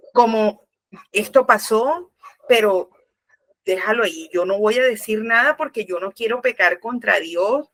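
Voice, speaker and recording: A woman's voice: medium pitch, a bit bright. A middle-aged woman with a Colombian Caribbean coast accent, teaching from scripture in a church talk, conversational and full of restarts. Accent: Colombian Caribbean coast Spanish. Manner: conversational, acts out dialogue, many restarts. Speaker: church speaker.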